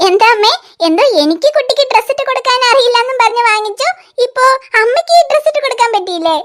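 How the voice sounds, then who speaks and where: A woman voicing a calm young mother in a cartoon, gently soothing her daughter and mildly teasing her mother-in-law. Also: very high voice, rapid-fire.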